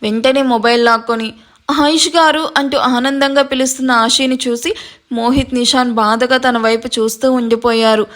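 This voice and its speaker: A woman narrates a romance story in a steady, expressive reading. Her voice sits high and clear. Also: normal speed. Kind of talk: scripted narration.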